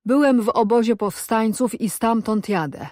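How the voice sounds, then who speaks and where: Lady reading a young captive guy, calm and defiant, low slow voice, dry sound. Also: no echo, lightly acted. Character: proud young male captive rebel.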